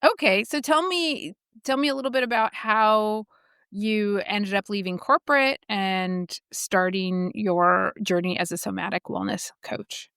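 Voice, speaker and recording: A woman's voice: mid-range voice, measured pace, a bit bright, clean tone, no echo, studio quality. A middle-aged woman from California with a Californian accent, hosting an interview podcast and asking questions in a conversational way. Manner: conversational, asks follow-up questions with hesitations. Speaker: podcast host.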